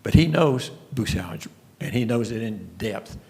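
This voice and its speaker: A man's voice: lowish voice, animated, moderate pace, creaky, darkish tone. A man giving a folksy, storytelling presentation at a city commission meeting. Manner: folksy storytelling, frequent restarts. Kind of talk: casual presentation.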